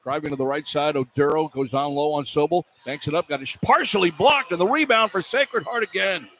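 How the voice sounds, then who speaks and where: This radio announcer, working play-by-play at an indoor basketball arena, calls the live action in clipped, continuous phrases. His voice runs somewhat high, fairly quick, and a bit bright, with background noise from the arena broadcast.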